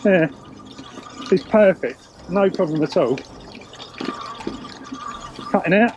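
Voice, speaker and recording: A British man with a high, expressive voice speaks slowly and off the cuff outdoors on a riverside path, chatting casually while he tests a wireless intercom headset for his vlog. Music and other background noise can be heard behind him.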